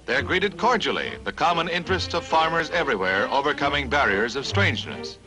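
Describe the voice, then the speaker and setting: A man voices a 1950s newsreel in a dramatic, punchy announcer style, his voice sitting on the higher side. He tosses in wry one-liners between the stories. A strong music bed plays clearly under his voice. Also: very animated, a little fast, poor audio. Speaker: newsreel narrator.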